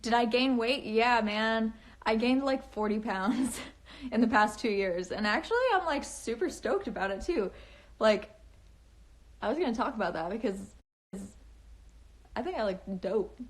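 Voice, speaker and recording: A woman's voice: fairly high pitch, animated, measured pace. A young woman chatting on a casual livestream from home, talking in a nervous valley-girl way with lots of fillers and restarts. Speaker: author livestreaming to fans. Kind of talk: casual livestream chat, reading comments. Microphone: phone.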